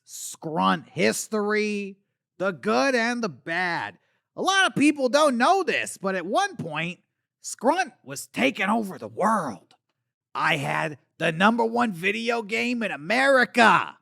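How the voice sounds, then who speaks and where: A man's voice: high voice, gravelly, sharp tone, no room sound, studio quality, heavily acted. A man voicing a washed-up male alien star from the eighties who rambles and slurs, swinging between boasting and muttering, in a comedic monologue. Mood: boastful. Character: washed-up male 80s alien puppet star, boozy and bitter. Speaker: talk show host character.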